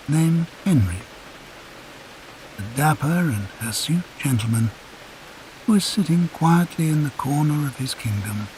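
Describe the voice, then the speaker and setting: A man narrating a guided sleep meditation in a soft, calm, unhurried storytelling voice. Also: medium pitch, rough recording. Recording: hissy recording with rain sounds behind. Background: rain.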